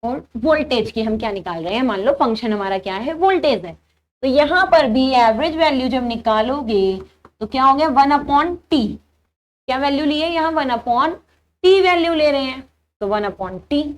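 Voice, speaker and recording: A woman's voice: high voice, expressive, normal speed. A young woman teaching an engineering class, working through each step aloud and answering her own questions. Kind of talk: engineering lecture.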